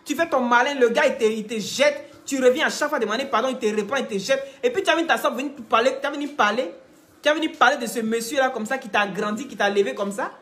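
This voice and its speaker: A woman's voice: on the high side, fast, a bit bright. A woman giving scolding, mocking gossip commentary, speaking straight to the people she criticizes. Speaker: online commentator.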